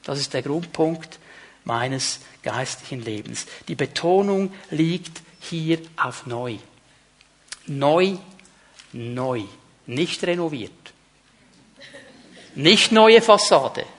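A man's voice: fairly high pitch, animated, slow, fairly bright tone. A man preaching a sermon to his congregation, emphatic and repeating key words, speaking to the listeners directly. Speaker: pastor.

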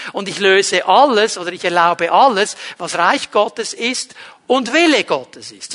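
A man preaches in a high, bright voice, stressing his points and speaking straight to his listeners. His voice rings with a long reverb through a church hall. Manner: emphatic, addresses listeners directly. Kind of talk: sermon.

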